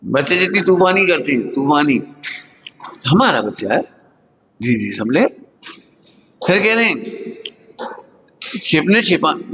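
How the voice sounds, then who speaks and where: A man's voice: on the high side, a bit bright, a little hiss or hum. A man giving a spiritual sermon, plain-spoken, putting questions to his listeners and using homely examples. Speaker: Jain spiritual teacher. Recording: dull lo-fi hall recording.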